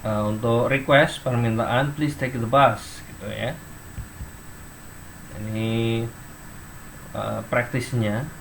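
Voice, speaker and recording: A man's voice: mid-range voice, steady tone, slow, creaky, long pauses, a bit bright, slight background noise. A man teaching English in an online class, explaining step by step and reading example sentences and dictionary entries aloud.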